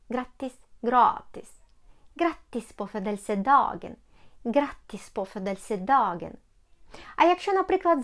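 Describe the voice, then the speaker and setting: A woman gives a beginner language lesson, speaking slowly and saying every phrase twice. Her voice sits fairly high. She models each word with careful pronunciation. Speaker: Swedish language teacher.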